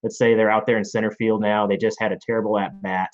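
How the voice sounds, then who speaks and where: A man hosting a casual interview, talking in a relaxed, hesitant way with fillers. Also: on the low side, fast talker. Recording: dull lo-fi audio.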